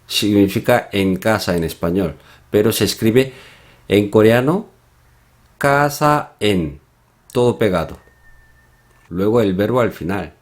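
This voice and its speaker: A man teaching a Korean lesson from slides, explaining slowly with pauses and soft hums. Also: lowish voice. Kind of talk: slide-based language lesson.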